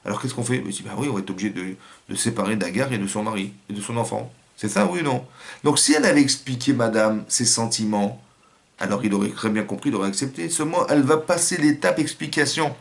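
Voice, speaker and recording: A man's voice: medium pitch, expressive, fast, creaky. A man with a French accent giving a religious lesson as a rabbi, acting out little scenes and quotes in changing voices.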